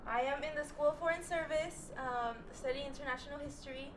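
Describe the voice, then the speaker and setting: A young woman on a student panel sounding cheerful and excited. Her voice is high, and she is heard from a little way off in an echoing room. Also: brisk, far from the mic, background noise.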